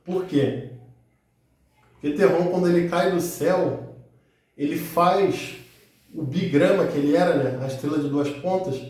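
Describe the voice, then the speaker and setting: A man's voice: on the high side, measured pace, long pauses, darkish tone, far from the mic. A man giving a religious lesson. He explains step by step, often checks in with the listener, and restarts his phrases. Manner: explains step by step, with frequent "né" tag questions and restarts. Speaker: religious teacher. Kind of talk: explanatory teaching monologue. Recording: very echoey room, voice set back from the mic.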